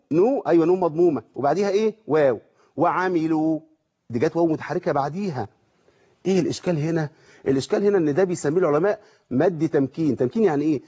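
Fast-talking Egyptian man teaching recitation. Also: fairly high pitch, warm tone. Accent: Egyptian Arabic. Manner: asks questions and answers them himself. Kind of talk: tajweed lesson with recited examples. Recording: dull lo-fi sound.

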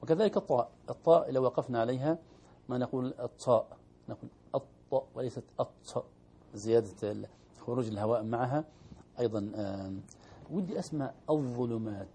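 A man teaching Quran recitation, modelling verses slowly for students to repeat. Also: medium pitch, dark tone, slight background noise.

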